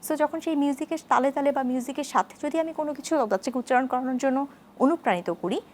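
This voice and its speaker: A woman with a high voice explains therapy methods as a guest on a studio talk program. She talks in a measured, patient way and comes back to key terms again and again. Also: a little mellow.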